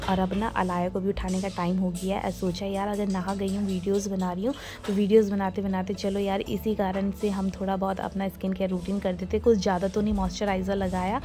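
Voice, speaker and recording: A young woman from India, a homemaker mother, chatting casually to viewers in a voice-over about her daily routine. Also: mid-range voice. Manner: chatty, homely, talks straight to viewers. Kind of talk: casual voice-over vlog narration.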